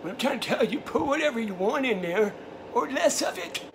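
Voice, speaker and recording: A man's voice: very high voice, expressive, a little fast, recorded from a distance, background noise. A middle-aged man playing a silly, distracted old grandpa who cooks in his home kitchen and keeps stumbling over his words. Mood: rambling. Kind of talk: comedic cooking vlog. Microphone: handheld phone camera.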